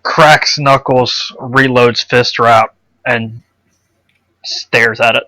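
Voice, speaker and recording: A man plays a tabletop game and drops wry, offhand quips. His voice is bright and forward, with a mid-range pitch. The sound is dry, with no room echo. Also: fairly even intonation, extremely slow. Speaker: player. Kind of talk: casual tabletop game play.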